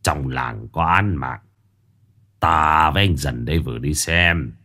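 A man voicing an old male master exorcist who speaks slowly and gravely. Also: pushed and bright, faint music behind, exaggerated voice. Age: older. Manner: slow, low, grave.

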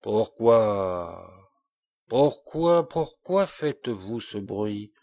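A man's voice: medium pitch, animated, slow pace, lo-fi sound, full character voice. A man doing a roaring cruel king. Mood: furious. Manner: loud, mocking, furious outbursts. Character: fat cruel bullying male king, roaring.

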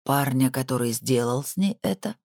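A man's voice: medium pitch, sing-song, normal speed, darkish tone, dry recording, studio quality. A man voicing a smug, wealthy middle-aged former crook who mocks and dismisses the people he talks to. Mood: dismissive.

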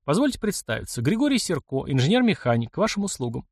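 A man's voice: fairly high pitch, big pitch swings, quick pace, darkish tone, slightly rough, no echo, studio quality, voice pushed up, heavily acted. A man doing a blunt young engineer. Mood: surprised. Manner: blunt, plain-spoken. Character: young male engineer, blunt, kind, gruff. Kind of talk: audiobook character voice.

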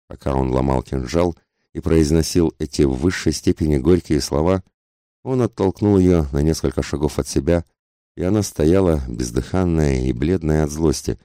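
Man, literary audiobook narration, very low voice, dry close recording. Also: dark tone, no room sound.

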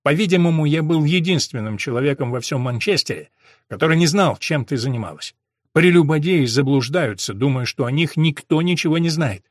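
A man's voice: a little high, expressive, brisk, dry recording, studio quality. A man voicing a stern, self-righteous husband, cold and reproachful, who lectures his wife.

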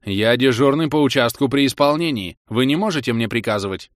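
A man's voice: medium pitch, a little fast, no echo, clean studio sound, voice pushed up, close to an everyday voice. A man voicing an officious, frightened male technician who speaks indignantly and sticks to the rules. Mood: rigid. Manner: indignant, rule-bound.

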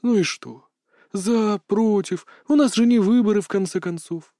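A cackling old sorcerer with a raised, mellow voice, as a male reader puts him on, chatty and mock-tender as he coaxes his victim. The recording is dry and close, with a folksy, creeping menace under the friendliness. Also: high-pitched, moderate pace, dry recording, voice pushed up. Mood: sly. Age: older.

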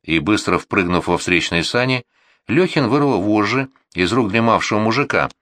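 A man reading a war memoir aloud as an audiobook narrator, with an expressive, measured delivery. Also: lowish voice, no room sound.

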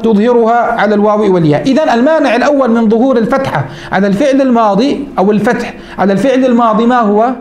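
A man teaching a grammar lesson as a sheikh. He asks his students questions, answers them himself and repeats each rule slowly. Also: extremely high pitch, darkish tone, roomy sound. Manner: repeats rules slowly for emphasis.

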